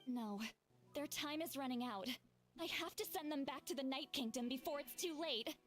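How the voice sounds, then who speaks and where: An earnest, high-voiced game heroine. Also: female voice, moderate pace, fairly bright tone. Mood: resolute. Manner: earnest, resolute. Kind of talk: video game dialogue. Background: game music.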